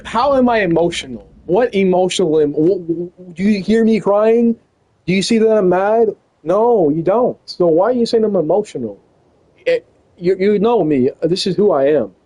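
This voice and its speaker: A man's voice: sits high, lively intonation, moderate pace, warm tone. A young man streaming live, arguing with a chatbot in a casual, incredulous way, swearing a lot.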